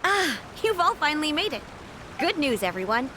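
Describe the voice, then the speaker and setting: A woman's voice: high voice, very animated, moderate pace, pushed and bright, slight background noise, exaggerated voice. A woman playing a polite, upbeat publishing house clerk in a video game, articulate and businesslike. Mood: delighted. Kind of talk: video game character dialogue.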